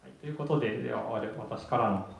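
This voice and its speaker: A man's voice: mid-range voice, very fast. A man with a Japanese accent, polite and hesitant, speaking and interpreting at an informal event. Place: indoor meetup venue. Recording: echoey room, distant mic, clear background noise.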